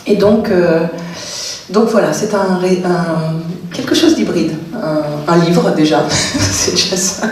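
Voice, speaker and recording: A woman's voice: on the low side, slow, a little mellow. A woman author speaking at a public literary talk, hesitant, with many fillers and restarts. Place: cultural centre hall. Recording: echoey hall from far off.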